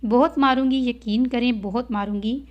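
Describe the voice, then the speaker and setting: A woman's voice: fairly high pitch, normal speed, lightly acted. A woman reading the lines of a bold, feisty young bride in a storybook novel, in a sassy way. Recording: dull lo-fi audio.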